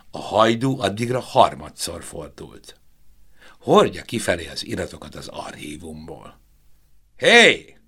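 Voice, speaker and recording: A man narrating a novel in a measured, expressive audiobook reading. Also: fairly low pitch, husky.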